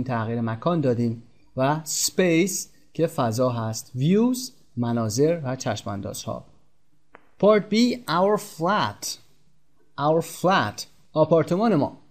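A man's voice: mid-range voice, darkish tone. Man teaching English vocabulary. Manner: reads English phrases slowly, explains quickly in Persian. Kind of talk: vocabulary lesson.

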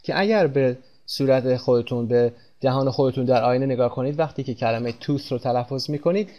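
A man teaching English pronunciation in Persian, speaking slowly and repeating example words with stress. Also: mid-range voice, lo-fi sound. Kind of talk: pronunciation lesson.

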